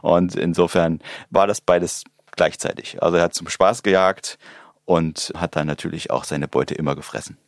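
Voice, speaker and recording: A man with a low voice and a dry, close sound answers as an expert guest. He explains conversationally for children, in vivid everyday words and unscripted phrases. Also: fairly even intonation, moderate pace, dry recording.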